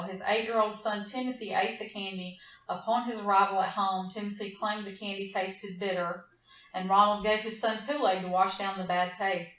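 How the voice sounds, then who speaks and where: A Southern-accented woman hosts a casual true-crime chat and reads out case notes, rambling and blunt with easy laughter. Her mid-pitched voice sits back from the mic in a roomy, echoing space. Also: fairly bright tone, far from the mic. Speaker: podcast host.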